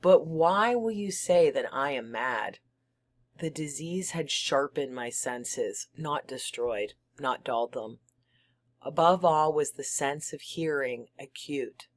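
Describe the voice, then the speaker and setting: Gothic horror monologue: mad, gleeful murderer, slow-paced, emphatic and theatrical, insistently claiming sanity. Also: medium pitch, expressive. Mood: intense, insistent. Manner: halting, theatrical, emphatic, breaking into whispers and chuckles. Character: unhinged murderer, insisting he is sane, gleefully confiding. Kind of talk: dramatic reading of a gothic horror story.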